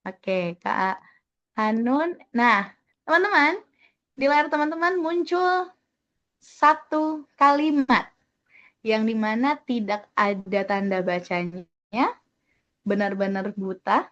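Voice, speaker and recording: A woman trainer teaches over a video call, her voice sitting a little high. She chats easily and thanks participants by name as she goes. The call audio is somewhat dull and muffled. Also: takes it slowly, long pauses, fairly bright tone. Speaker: webinar trainer. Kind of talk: online webinar teaching.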